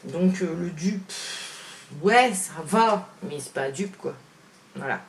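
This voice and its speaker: A woman's voice: fairly low pitch, animated, slow pace, a little hiss or hum. Chatty, frank woman reviewing makeup. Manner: chatty, hesitant, full of "voilà" and "hein" fillers; frank, opinionated. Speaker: beauty vlogger. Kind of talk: casual product comparison vlog.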